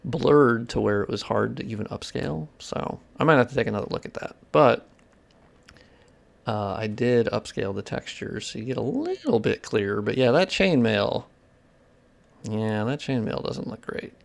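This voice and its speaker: A game streamer's medium-pitched, creaky voice swings widely in pitch at a normal speed as he plays live. Chatting casually with viewers, he swears freely and explains technical details in between reactions.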